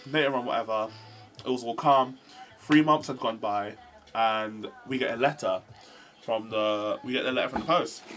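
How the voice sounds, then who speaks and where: A man's voice: mid-range voice, steady tone, moderate pace, fairly bright tone. A man, telling a storytime vlog and acting out every quote in shifting voices. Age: 20s. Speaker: vlogger. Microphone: camera mic.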